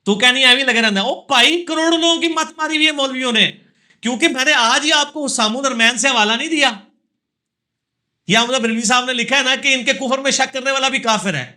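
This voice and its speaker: A man's voice: very high voice, pushed and bright. A man, a religious scholar answering audience questions in a live session, lecturing emphatically and checking in with tag questions.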